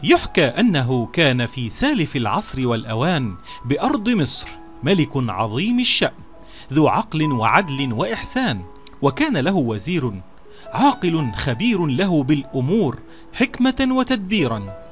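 A male storyteller reading a scripted storybook tale. His recitation is measured and expressive, his pitch a touch high and lively in its rise and fall. Faint music plays under the narration.

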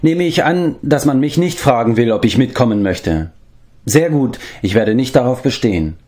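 A man's voice: mid-range voice, lively intonation, normal speed, darkish tone, pitched above the performer's own voice, natural voice. Man voicing Eilonwy, a sly young princess. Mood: teasing. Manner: arch, teasing, matter-of-fact.

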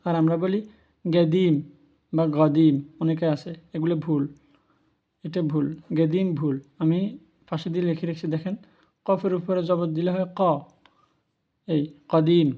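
A man's voice: on the high side, fairly even intonation, unhurried, pauses often, narrow, tinny audio. A man giving a spoken language lesson, patiently repeating each word for learners. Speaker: language teacher. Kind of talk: spoken lesson on Arabic pronunciation.

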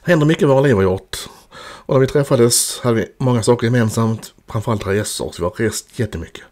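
A man's voice: mid-range voice, a little mellow. A man in his fifties from Sweden narrating a voice-over about his life and travels in a chatty, self-mocking way. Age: 50s. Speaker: vlogger.

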